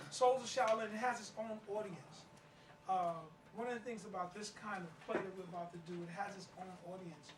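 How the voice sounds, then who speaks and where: A street-wise New man, sounding distant in a room, speaks in a high-pitched voice over background noise. He's a playwright and martial arts master doing an informal spoken interview and presentation at an indoor play-reading gathering. The recording is roomy and distant-miked, with people heard behind him.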